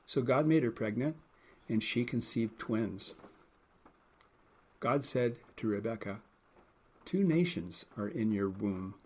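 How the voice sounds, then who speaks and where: A man's voice: medium pitch, lively intonation, slow, long pauses, darkish tone, slightly rough. A man co-hosting a casual podcast, reading Bible verses aloud and explaining them plainly with an occasional dry joke. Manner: explains plainly, with small restarts and dry jokes.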